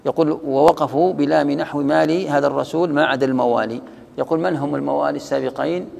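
Gravelly man teaching in a reverberant hall. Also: fairly high pitch, steady tone, darkish tone. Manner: explains slowly, quotes and repeats lines of a didactic poem. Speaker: teacher of Quranic sciences. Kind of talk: religious lesson explaining a verse text.

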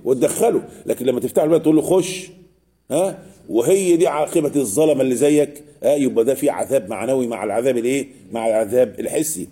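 A man's voice: medium pitch, quick pace, dark tone, husky. A man with an Egyptian Arabic accent teaching a lesson on Quranic verses, often asking the class a question and answering it himself. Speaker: religious teacher.

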